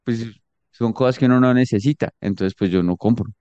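A man with a smooth, clear voice chats casually on a talk show. He speaks hesitantly and keeps restarting his sentences. The sound is dry and a little dull. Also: mid-range voice, fairly quick, mellow, no echo. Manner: hesitant, many fillers and restarts. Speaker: radio show co-host. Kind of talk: casual conversation.

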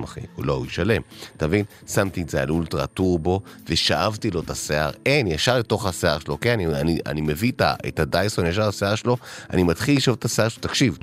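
A man playing an overexcited acquaintance who rambles and keeps saying "listen". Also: sits low. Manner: excited, keeps repeating "listen". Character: overexcited man raving about his vacuum.

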